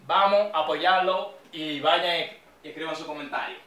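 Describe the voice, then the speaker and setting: A young man with a Dominican accent chats to his viewers in rowdy, joking slang. His voice is bright and a little high. The echoey room and distant mic make it sound roomy. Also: fairly even intonation, moderate pace. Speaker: vlogger. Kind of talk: casual street-slang vlog.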